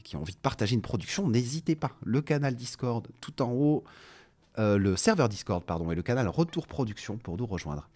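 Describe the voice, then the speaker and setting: French male stream host, low husky voice, animated delivery, filler-heavy chat. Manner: chatty, hesitant with many fillers. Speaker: livestream host. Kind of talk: casual live-stream chat.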